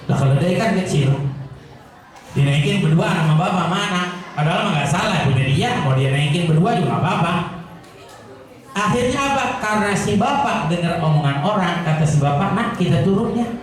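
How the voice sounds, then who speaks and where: A male preacher tells a story with humor and keeps asking his listeners rhetorical questions. His voice sits high. The sound comes from a distance and rings through a very echoey hall. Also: expressive, brisk. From Indonesia. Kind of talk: sermon.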